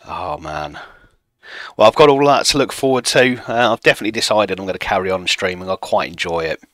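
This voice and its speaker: Chatty low-voiced man in his thirties. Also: a little fast, a bit bright, no room sound. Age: 30s. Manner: chatty, self-mocking, reads chat aloud. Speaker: streamer. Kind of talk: casual chat with stream viewers while playing. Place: home room at a desk.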